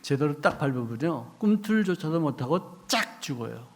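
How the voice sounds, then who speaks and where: In a sermon full of questions for the congregation and acted-out voices, a middle-aged man shifts without warning from booming to hushed. He has a slightly high, sing-song voice and keeps a moderate pace.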